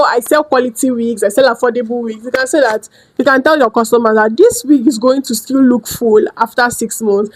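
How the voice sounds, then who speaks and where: Lively woman giving sales tips. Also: a little high, rough recording. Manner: direct and lively, acts out customers and sellers. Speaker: business coach. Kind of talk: casual teaching vlog. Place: indoors at home during a rainstorm.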